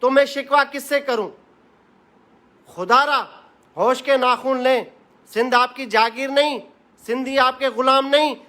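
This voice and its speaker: A man's voice: extremely high pitch, measured pace, long pauses, sharp tone. A man from Sindh, Pakistan, giving an impassioned political address to camera. He talks in a fiery, rhetorical way and repeats phrases for emphasis. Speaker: political commentator.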